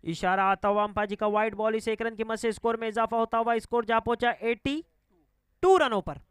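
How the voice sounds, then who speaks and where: A man giving excited live cricket commentary, his voice rising on shots and wickets and mixing in English cricket terms. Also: sits high, quick pace, clear, resonant tone, no room sound, studio quality.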